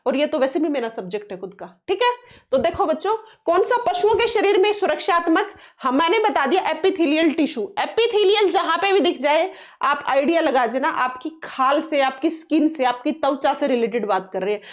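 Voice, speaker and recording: Casting note: high-voiced female teacher, exam-prep science class, repeats key terms, asks then answers her own questions. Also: lively intonation. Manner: coaxing, reassuring tone toward students; reads English question text slowly.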